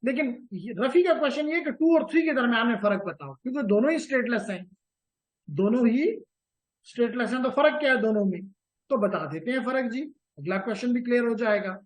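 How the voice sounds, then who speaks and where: A male instructor leads a live networking class step by step in Urdu, weaving in English technical terms, repeating key words, and often pausing to ask students if it's clear. His very high-pitched voice is animated and fairly quick. The recording is rough.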